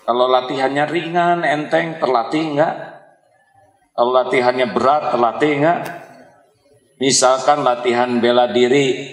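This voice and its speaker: A man's voice: mid-range voice, measured pace, long pauses. A middle-aged man, preaching a humorous sermon to a live audience and joking with them. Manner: lively, joking with the audience, acts out quoted voices. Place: large hall with an audience. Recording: echoey hall sound.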